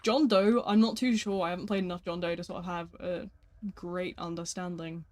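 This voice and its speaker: This gaming streamer speaks at a moderate pace in a mid-range voice, responding to viewers' messages. The delivery is flat and casual, typical of live stream chatter.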